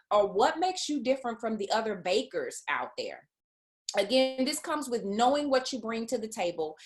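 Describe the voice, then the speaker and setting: Southern woman teaching a business webinar. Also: medium pitch. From American South. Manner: conversational, restarts sentences often. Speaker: business coach.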